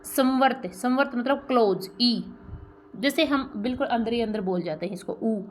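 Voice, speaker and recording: High-voiced woman teaching grammar. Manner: explains step by step with repeated check-ins and rhetorical questions; pronounces sounds slowly and drawn out as examples. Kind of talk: grammar lesson.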